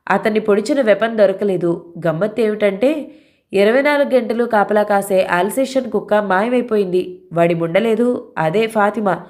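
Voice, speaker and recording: A woman's voice: mid-range voice, normal speed, darkish tone, natural voice. A woman voicing a middle-aged male police officer who explains the case bluntly and wearily. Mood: weary. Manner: blunt, matter-of-fact explaining.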